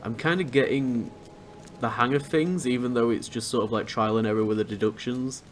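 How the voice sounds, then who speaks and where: A man's voice: mid-range voice, fairly quick, a little hiss or hum. A man giving informal let's play commentary, thinking aloud and swearing casually. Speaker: gamer, let's play host.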